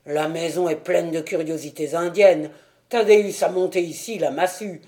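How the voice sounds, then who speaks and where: A man's voice: a little high, steady tone, normal speed, mellow, close to an everyday voice. A man reading the part of a stout, self-assured police detective who speaks in an important, sour tone. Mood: self-satisfied.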